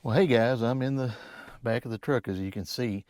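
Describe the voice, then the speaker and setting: A man's voice: mid-range voice, normal speed, a little mellow, dry recording. A man, talking casually and rambling easily while camping, first outdoors on a mountain and then in the back of his truck. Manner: easygoing, rambling, plain-spoken. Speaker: camping vlogger. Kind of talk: casual talk to camera.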